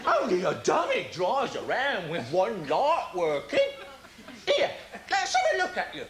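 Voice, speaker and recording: Performing live stand-up before a loud audience, a man voices a bullying, sarcastic nineteen-year-old traffic policeman in a full character voice. Unhurried, he mocks and hectors, his pitch swooping wildly, with crowd noise throughout.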